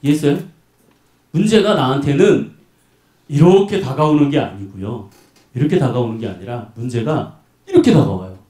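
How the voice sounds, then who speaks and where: A man preaching a sermon as pastor, in a lively, chatty way that acts out little scenes. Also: medium pitch, normal speed, pauses often. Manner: animated, colloquial preaching with acted-out voices. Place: church hall. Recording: echoey hall, mic from far off.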